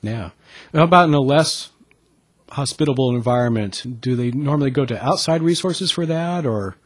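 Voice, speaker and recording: A man interviewing a guest, asking brisk, direct questions. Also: mid-range voice, animated, no room sound.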